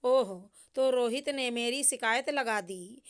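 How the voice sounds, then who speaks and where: A woman's voice: a little high, slow, smooth. A woman voicing a stubborn, spoiled young bride who talks back angrily. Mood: angry. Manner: sulky, defiant.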